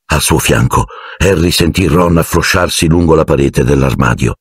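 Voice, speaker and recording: A man narrating an audiobook with expressive storytelling. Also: extremely low pitch, moderate pace, breathy edge, dry recording, clean studio sound.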